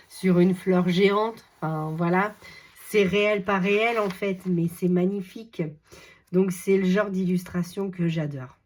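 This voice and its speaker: A middle-aged woman hosting a craft channel, chatting casually and enthusiastically with many fillers, her voice slightly hoarse. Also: lowish voice, a little mellow. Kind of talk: casual chat showing books.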